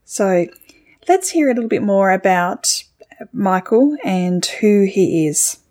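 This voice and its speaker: A woman's voice: mid-range voice, expressive, slow pace, darkish tone. A woman co-hosting an interview podcast in a conversational style. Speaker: podcast co-host.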